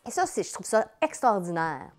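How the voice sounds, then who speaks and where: A woman's voice: mid-range voice, very animated, normal speed. A woman with a Quebec accent enthusiastically explaining her children's show in a promotional interview. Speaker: children's entertainer, company president.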